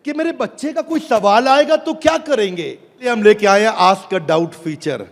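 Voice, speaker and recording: A man's voice: high voice, lively intonation, normal speed, gravelly, background noise. Man, stage sales presentation, showy and playful, long hall reverb.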